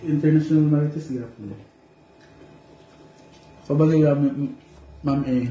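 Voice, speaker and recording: Playful high-voiced man vlogging. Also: steady tone, slow pace, warm tone. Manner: playful and teasing, joking asides. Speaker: vlogger reading live comments. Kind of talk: casual livestream chat. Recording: echoey room with faint noise.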